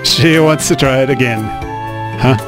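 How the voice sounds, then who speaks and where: Hosting a let's play, a man translates and remarks on the game in a casual, wry manner marked by dry humor. His mid-range voice is unhurried, and game music runs in the background.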